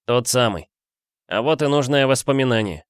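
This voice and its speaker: A man's voice: medium pitch, lively intonation, normal speed, clear, resonant tone, no room sound, clean studio sound, pitched above the performer's own voice, lightly acted. A man voicing a playful, self-assured young man in an audiobook, speaking slyly. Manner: sly, teasing. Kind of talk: audiobook character voice.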